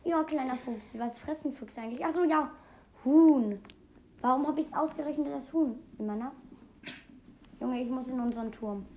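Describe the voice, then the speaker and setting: A woman chatting excitedly while playing a video game, exclaiming often and rambling between facts. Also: high voice, moderate pace. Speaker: game player. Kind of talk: casual gameplay commentary.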